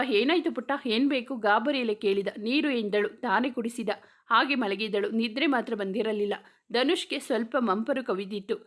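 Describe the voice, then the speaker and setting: A woman's voice: a little high, fairly bright tone. A woman reading a romantic story aloud, narrating and speaking every character in much the same voice.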